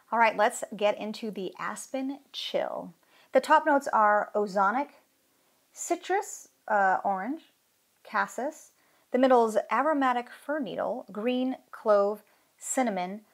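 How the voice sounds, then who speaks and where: A woman in her thirties casually reviewing fragrance oils, excited and gushing, full of "like"s, in an indoor craft room at a close desk camera. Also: a little high, measured pace. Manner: excited, gushing, chatty with many "like"s.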